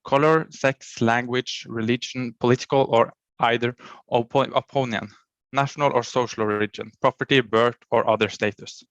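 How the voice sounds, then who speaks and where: A county education official reads a prepared conference presentation formally and haltingly, often cutting words off and starting them again. His voice is medium-pitched and a bit bright, and the recording is muffled with no room sound.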